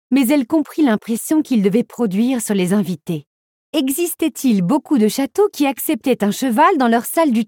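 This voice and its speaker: A woman narrates a children's storybook with a very animated, melodic delivery. The recording is dry and close, with no room sound. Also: mid-range voice, dry recording.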